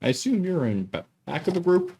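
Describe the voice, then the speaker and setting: A young man narrating a tabletop role-playing game as game master, with lively, drawn-out dramatic narration. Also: sits high, gravelly, breathy edge.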